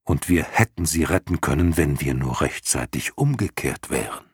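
A man voicing a wise, calm old male luck dragon in an audiobook reading, speaking patiently and persuasively. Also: rumbling low, moderate pace, husky, dry recording, clean studio sound, voice pushed down, heavily acted. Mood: reasoning. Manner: patient, reasoning, gently persuasive.

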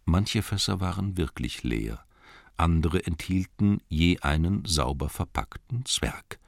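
A man reads a fantasy audiobook, his voice deep and low, with a lively, swinging storytelling delivery. The sound is dry and close to the mic, with no room around it. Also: a little slow, vocal fry, dry recording. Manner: expressive, storytelling. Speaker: audiobook narrator. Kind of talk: scripted fantasy narration.

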